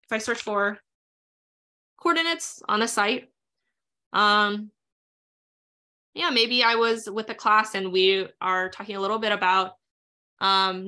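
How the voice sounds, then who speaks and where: Woman webinar instructor, bright tone, fast and casual with lots of filler words. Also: medium pitch. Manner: fast, chatty, lots of ums and uhs. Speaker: instructor leading a live webinar. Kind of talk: live software tutorial with screen share.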